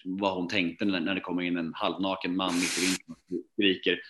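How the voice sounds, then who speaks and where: A man's voice: deep voice, level tone, fairly bright tone. A man telling his recovery story in a casual, rambling way, full of fillers and restarts.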